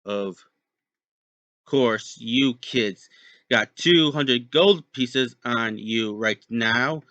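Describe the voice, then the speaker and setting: A stubborn pirate captain, as a man reading a story puts him on, loud and firm. He speaks slowly with a bright edge. The recording is dull and lo-fi. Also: mid-range voice, no room sound. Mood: stern.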